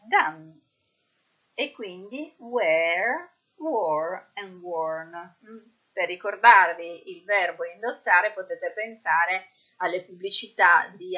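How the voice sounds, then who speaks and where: A woman's voice: lowish voice, fairly bright tone, husky, lo-fi sound. A woman with an Italian accent teaching English verbs, drilling each form methodically. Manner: slow, methodical drilling of verb forms. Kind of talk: recorded grammar lesson.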